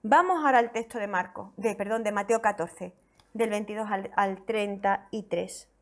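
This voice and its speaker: A woman's voice: medium pitch, normal speed. A woman pastor from Spain preaching a sermon with a Spain Spanish accent, reading scripture expressively and asking the congregation questions.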